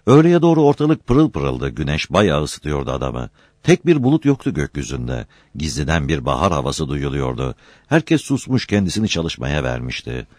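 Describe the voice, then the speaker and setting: A man with a deep voice reads a novel aloud in steady audiobook narration. His delivery is lively and expressive. The recording is dry and close. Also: normal speed, no echo. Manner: steady storytelling.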